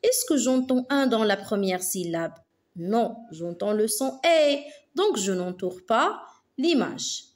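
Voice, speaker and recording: A woman teaching a phonics lesson to young children, saying each word slowly and carefully and repeating it twice. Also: a little high, expressive. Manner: slow, carefully articulated, repeats words twice. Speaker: primary school teacher.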